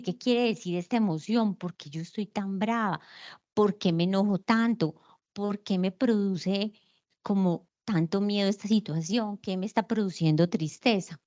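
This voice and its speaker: Woman lecturer, explanatory, rhetorical questions, somewhat dull lo-fi recording. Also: medium pitch. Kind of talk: online lecture on emotions.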